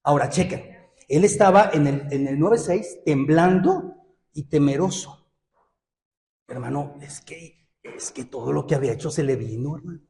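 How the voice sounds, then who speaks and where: A man preaching a sermon as pastor, with a Mexican Spanish accent, joking and lively, moving between loud exhortation and low asides. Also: moderate pace, gravelly, in a large hall. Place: church hall.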